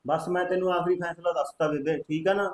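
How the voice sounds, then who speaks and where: A man's voice: a little high, fairly even intonation, brisk, reverberant, lightly acted. A man playing a stubborn young husband who speaks bluntly and insistently. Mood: defiant. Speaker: son. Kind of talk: rural family drama acting.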